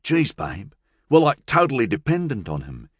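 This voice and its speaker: A man's voice: mid-range voice, huge pitch swings, normal speed, breathy edge, dry recording, clean studio sound. A man playing a worried sheepish young guy. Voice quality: earnest, worried.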